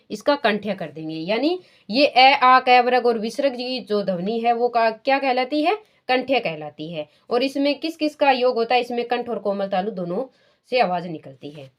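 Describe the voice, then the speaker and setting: A woman teaching a grammar lesson. She asks her own questions, answers them, repeats the key terms and draws out sounds slowly to show how they are pronounced. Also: on the high side.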